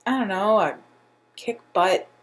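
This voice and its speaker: A young woman shares her book opinions in an unhurried, casual chat, with a voice of ordinary middle pitch. She often trails off and stops to laugh at herself. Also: lively intonation. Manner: easygoing, hesitant, laughs at herself. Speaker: book reviewer, co-host.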